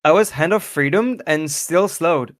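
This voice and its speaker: A man from France, teasing his friends with deadpan quips in a gaming voice chat. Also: fairly high pitch, a little slow, no room sound, studio quality. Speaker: gamer in group voice chat. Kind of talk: casual gaming banter.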